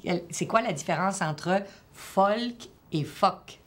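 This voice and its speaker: A woman's voice: mid-range voice, slow pace. A woman teacher, patiently questioning and encouraging a child during a one-on-one reading assessment.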